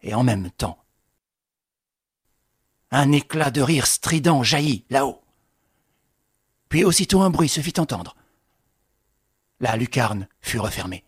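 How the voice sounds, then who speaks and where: A man's voice: mid-range voice, lively intonation, slow, long pauses, slightly rough, no room sound, clean studio sound. A man reading a novel aloud in a dramatic audiobook style, lifting his voice with the action. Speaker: narrator.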